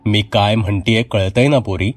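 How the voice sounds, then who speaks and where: A man's voice: lowish voice, steady tone, normal speed, husky, faint music behind. A man voicing an older village mother who speaks in a weary, tender way and breaks into alarmed cries. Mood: earnest.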